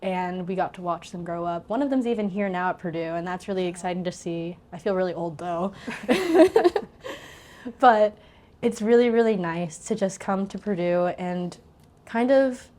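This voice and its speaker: A woman's voice: on the low side, lively intonation, moderate pace, mellow. A woman in her twenties from southern Indiana, a pharmacy student, chatting casually as an interview guest and often saying "like". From southern Indiana, USA. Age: 20s. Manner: chatty, lots of "like", laughs easily. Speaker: pharmacy student and council president.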